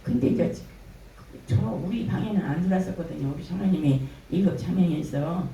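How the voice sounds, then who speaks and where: A woman's voice: fairly low pitch, fairly quick. Older woman telling a testimony in an echoey room. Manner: animated storytelling, acting out quoted dialogue. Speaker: church member giving testimony. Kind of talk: spoken religious testimony. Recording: echoey room from a distance, faint noise.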